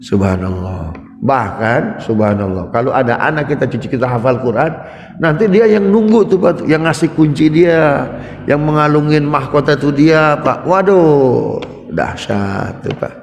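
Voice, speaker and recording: Fairly high-voiced preacher guy, lively, keeps quizzing the crowd, big echoey hall. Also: normal speed, vocal fry, dull audio, slight background noise. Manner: lively, keeps asking the audience questions and tags "Pak". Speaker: Islamic preacher. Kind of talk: mosque hadith lecture. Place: large mosque. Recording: echoey hall with long reverb.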